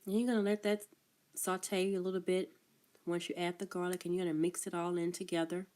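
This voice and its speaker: A cook with a cold talks through a recipe one step at a time in a food truck kitchen, her fairly low, darkish voice sounding congested. She speaks a little fast with little pitch movement, giving plain instructions and coughing frequently during this casual cooking demonstration.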